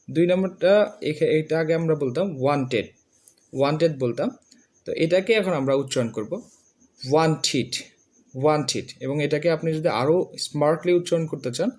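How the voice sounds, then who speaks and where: A man's voice: a little high, darkish tone. A man teaching an online English pronunciation lesson, repeating each word several times with many filler sounds.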